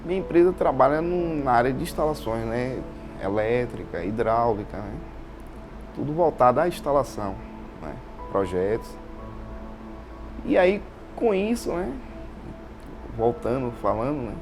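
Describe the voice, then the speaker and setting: The audio is poor, but this man's medium-pitched voice comes through with lively intonation at a normal speed, pausing often. An interview guest from Salvador, Bahia, Brazil, who runs an installation business, he recounts his story informally in a Bahian accent, repeating phrases and using many tag questions, over background music.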